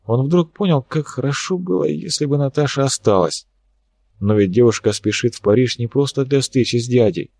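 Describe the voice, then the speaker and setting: A male audiobook narrator reads at an even, measured pace and a middle pitch. The recording is dry and close, with no echo at all. It sounds like steady, scripted narration. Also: creaky. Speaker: audiobook reader.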